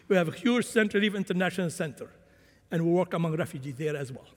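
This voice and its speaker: A man's voice: on the high side, expressive, fast talker. A man who grew up in Syria, preaching a sermon with impassioned swings in volume. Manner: impassioned, rising and falling volume. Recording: long hall reverb.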